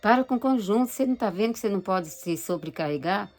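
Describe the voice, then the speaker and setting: A woman's voice: medium pitch, lively intonation, fast talker, a little mellow, soft background music, natural voice. A woman voicing an insistent tempting devil who presses with mock concern, quoted in a personal testimony. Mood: pressing.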